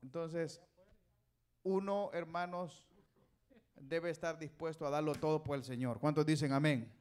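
A male preacher giving a folksy sermon, teasing and calling out questions to the congregation, swinging between loud and soft. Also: a little high, fairly even intonation, unhurried, clear, resonant tone.

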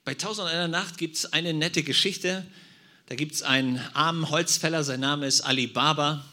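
A man's voice: fairly high pitch, normal speed, sharp tone. A man preaching and praying, talking directly and conversationally to his congregation. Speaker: pastor. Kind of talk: sermon.

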